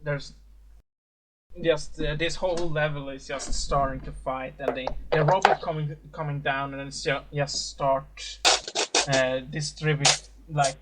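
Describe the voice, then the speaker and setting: A man narrating as game master in a casual tabletop session, speaking haltingly with many fillers and restarts. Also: on the high side, level tone, very noisy.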